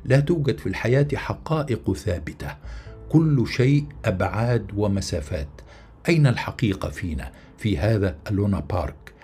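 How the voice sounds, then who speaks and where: A man's voice: lowish voice, expressive, brisk, a little mellow, faint music behind, natural voice. A man voicing a despairing, bitter young man who declaims his case in a raised, agitated way.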